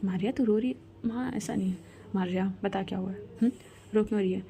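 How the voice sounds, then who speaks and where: A woman's voice: medium pitch, fairly quick, vocal fry, dark tone, lightly acted. A woman voicing a worried middle-aged mother who asks anxious questions over a phone call, in a storytelling voice.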